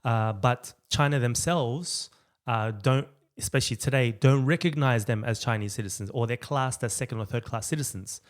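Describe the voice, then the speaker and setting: A man's voice: medium pitch, moderate pace. A man in his thirties with an Australian accent, a guest chatting casually in an interview with many fillers and restarts. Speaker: guest, rights activist.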